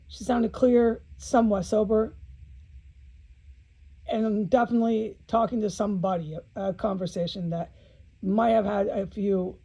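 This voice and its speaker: A woman with a mid-range, dark-toned voice delivers an informal video monologue, blunt and agitated, swearing often and repeating phrases for emphasis. She sounds aggrieved, and the recording is rough.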